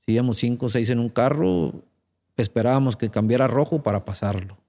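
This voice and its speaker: Mellow-voiced man giving testimony. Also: medium pitch, fairly quick. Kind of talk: conversational testimony.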